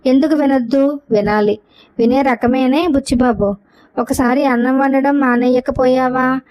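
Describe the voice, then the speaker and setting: A woman's voice: high-pitched, steady tone, normal speed, darkish tone, close to an everyday voice. A woman voicing a blunt, teasing older brother in a storybook reading. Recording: dull lo-fi recording.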